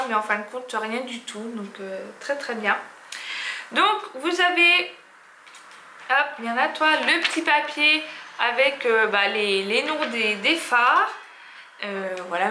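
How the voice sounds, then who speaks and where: A woman chats through a makeup review in a casual, halting way, often pausing on fillers and starting phrases over. Her voice sits a little high and sounds bright and sharp. The recording has a noticeable echoey room sound. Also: a little hiss or hum. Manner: hesitant, many fillers and restarts. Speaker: beauty vlogger.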